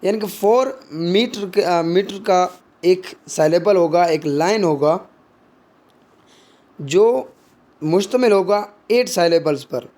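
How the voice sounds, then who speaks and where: Slow, high-voiced Hindi-speaking male tutor. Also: darkish tone. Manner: mixes Hindi explanation with slow English read-outs, frequent fillers. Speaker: teacher. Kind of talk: explaining literary terms, reading English examples slowly.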